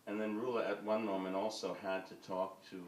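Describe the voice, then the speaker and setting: At a panel discussion in an event hall with an audience, a man speaks fairly quickly in a fairly low voice with little pitch movement. He's a film director who rambles, hesitating with uhs and ums. The distant mic in the roomy hall carries a little hiss or hum.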